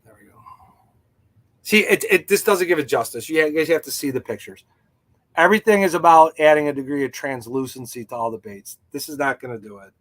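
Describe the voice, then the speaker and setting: A man's voice: a little high, a little fast, fairly bright tone. A man hosting a casual livestream, rambling enthusiastically with many fillers and answering viewers' chat. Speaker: livestream host and jig designer.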